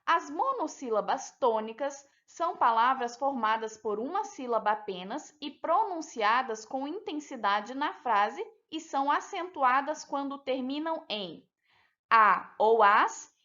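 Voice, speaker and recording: This teacher's voice sits high and sounds animated, bright and forceful as she leads children through a lesson. She speaks with a Brazilian Portuguese accent, slowly and with clear, deliberate pronunciation. The sound quality is dull and lo-fi.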